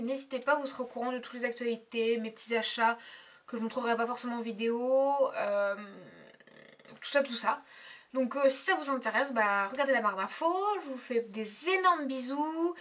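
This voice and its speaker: A woman's voice: high-pitched, fairly bright tone, far from the mic. A young woman chatting casually in a beauty tag video, hesitant and full of fillers. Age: young adult. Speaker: beauty vlogger.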